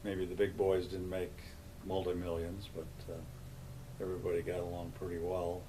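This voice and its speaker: Interviewed for an oral history, an older longtime local resident talks plainly and conversationally, posing questions and then answering them himself. His low-pitched voice is completely flat at a moderate pace, against a noisy background.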